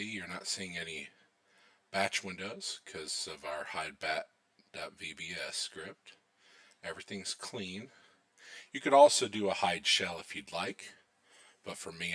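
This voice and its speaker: Man, low bright voice, relaxed screen-recording tutor thinking aloud. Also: a little slow. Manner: relaxed, thinking aloud while watching installs. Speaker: IT instructor.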